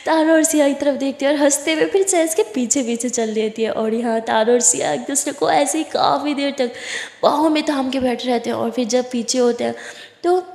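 A woman casually narrating a romance story aloud, voicing the characters' lines with lively shifts. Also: high-pitched, creaky. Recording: echoey room with long reverb.

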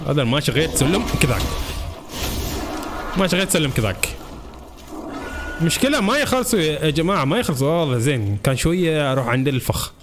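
Man, Gulf Arabic accent, gameplay commentary, excitable, lively swooping pitch, yelps. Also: quick pace, pauses often. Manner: excitable, talks to viewers, yelps when in danger. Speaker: gaming channel host.

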